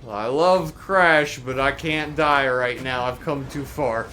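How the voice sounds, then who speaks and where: A middle-aged man streams a video game, chatting casually, joking in a laid-back way, and swearing at the game now and then. His mid-range voice is pushed and bright at a slow pace, with faint music behind.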